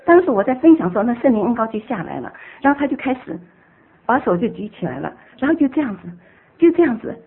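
A woman telling the story of her faith testimony to a church group, animated and emotional. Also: fairly high pitch, fast talker, slightly rough. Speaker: church member giving a testimony. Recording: tinny phone-like sound.

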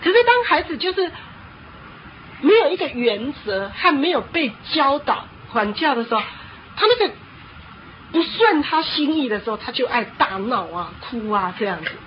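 Woman preacher, fairly high voice, animated storytelling sermon; dull lo-fi recording with faint hiss. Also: moderate pace. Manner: animated storytelling with frequent filler "hao".

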